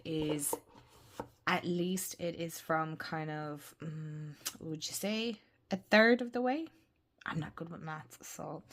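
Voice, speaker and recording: A woman with a slightly low, worn voice talks her viewers through a new deck. She is chatty and gushing, and she keeps slipping into soft whispered asides. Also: a little hiss or hum. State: voice worn from illness. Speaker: tarot deck reviewer. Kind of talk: casual unboxing review.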